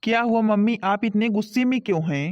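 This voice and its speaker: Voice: mid-range voice, a little fast, darkish tone, no echo, dull audio, pitched below the performer's own voice, lightly acted. A voice actor playing a blunt, reproachful young husband and son in a cartoon.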